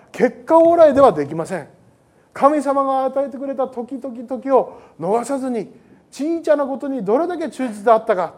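A male pastor preaching a sermon to a congregation in a lively, joking way that often wanders off topic. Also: very high-pitched. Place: church service with a congregation.

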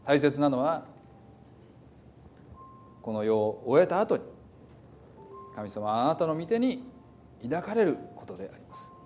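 A pastor leading a slow, reverent spoken prayer in a soft voice. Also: male voice, a little high, very animated, slight background noise.

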